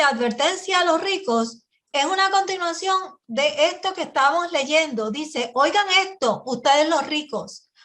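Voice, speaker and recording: A woman's voice: sits high, sharp tone. A woman teaching a Bible study sermon, often asking her listeners "right?" as she explains. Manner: teaching with frequent rhetorical "¿verdad?" and restarts.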